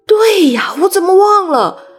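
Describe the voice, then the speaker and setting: A woman voicing a brave, eager young boy hero in a storybook reading, with soft music behind. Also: very high voice, a little slow, pitched above the performer's own voice. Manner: bright, excited, calling out.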